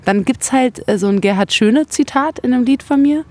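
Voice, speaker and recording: A singer-songwriter from West Berlin, Germany, appears as an interview guest, her fairly high, darkish voice moving briskly. Reflective and opinionated in casual conversation, she often searches for words.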